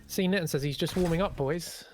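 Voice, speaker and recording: A man's voice: a little high, a little fast, slight background noise. A man casting a live esports match in a wry, understated, polite way. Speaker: esports caster and event host. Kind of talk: live game commentary.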